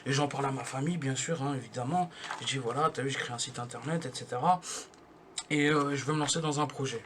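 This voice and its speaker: A man's voice: medium pitch, fast, noisy background. A young man doing a stand-up comedy monologue at home, telling a rambling slangy story full of restarts.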